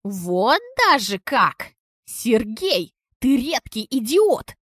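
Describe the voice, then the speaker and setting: A woman's voice: fairly high pitch, sing-song, extremely slow, no room sound, studio quality, full character voice. Woman voicing a shrieking furious older wife. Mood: enraged. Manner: screaming insults. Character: furious older woman, shrill, hot-tempered.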